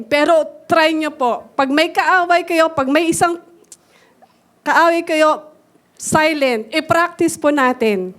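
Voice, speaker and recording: A Filipino woman preaches a church sermon in a high, bright-toned voice. She speaks politely and gently, sliding back and forth between Tagalog and English and teaching through everyday examples. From Philippines.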